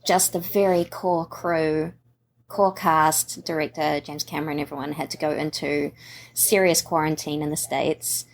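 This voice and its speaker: Interview guest: a laid-back woman with a New Zealand accent and a touch of vocal fry. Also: low voice, unhurried. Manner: relaxed, agreeable, frequent "yeah" affirmations. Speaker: costume maker and guest. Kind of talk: casual interview chat.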